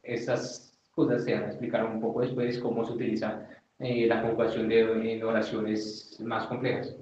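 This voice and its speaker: A man's voice: fairly low pitch, completely flat delivery, a little mellow, slight background noise. A man from Colombia, giving an informal Japanese lesson and hesitating often with fillers. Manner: hesitant, many fillers, slow and deliberate. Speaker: Japanese teacher. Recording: far from the mic in an echoey, dull-sounding room.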